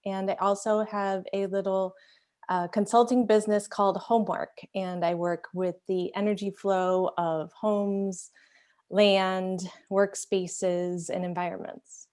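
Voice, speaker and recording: A woman from Chicago, a guest on a video-call interview, introducing herself in a friendly, steady way. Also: medium pitch, unhurried, clean tone. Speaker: guest, deck co-creator.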